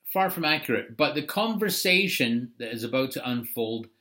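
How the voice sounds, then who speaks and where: A man's voice: medium pitch, lively intonation, moderate pace, bright, forceful tone. A middle-aged man preaching a sermon in a conversational, explanatory way, with asides. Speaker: pastor.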